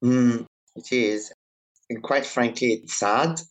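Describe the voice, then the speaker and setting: On a low-quality recording, a thirty-something man from Italy speaks slowly in a mid-range voice, reflecting as a guest in a conversational interview. English isn't his first language; he speaks Italian, French and Mauritian Creole.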